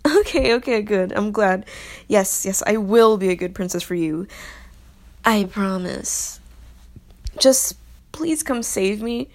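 Woman acting a coy, creaky-voiced young captive princess. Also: mid-range voice, animated, slow, pauses often, darkish tone. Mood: eager, coy. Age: young adult. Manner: breathy, coy, pleading, playful. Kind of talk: intimate audio role-play.

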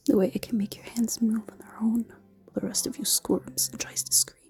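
A woman voicing a seductive, menacing female succubus in an erotic audio roleplay, in a slow, teasing, commanding whisper. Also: on the high side, little pitch movement, natural voice. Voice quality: soft, breathy whisper.

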